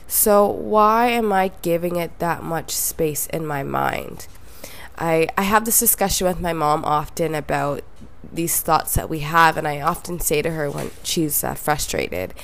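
A young woman with a fairly low, creaky voice hosts a solo podcast, sounding nasal from a cold. She talks in a reflective, conversational way.

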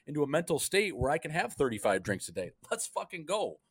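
A man's voice: mid-range voice, sing-song, fast, breathy edge, no room sound. A man hosting a casual sports podcast, talking like a hyped-up frat bro with slangy, profane banter. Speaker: podcast host.

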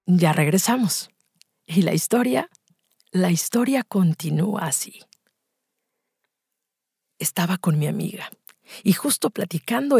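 A woman reading a listener's first-person confession aloud in a hushed, breathy, dramatic way, lingering on pauses. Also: mid-range voice, dry recording, clean studio sound.

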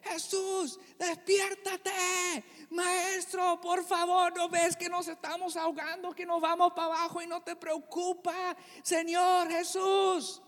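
A preacher voicing frightened disciples in a storm, crying out in high, frantic pleas, with long hall reverb. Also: flat delivery, slow, hardly any pauses, a bit bright, full character voice. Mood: panicked. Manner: frantic, pleading, high-pitched cries. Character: panicked disciples shouting in a storm.

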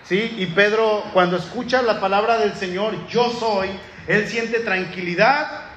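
Male pastor, high voice, animated sermon, faint room noise in a reverberant hall. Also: measured pace. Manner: lively, calls out to the congregation. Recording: echoey hall with room ambience.

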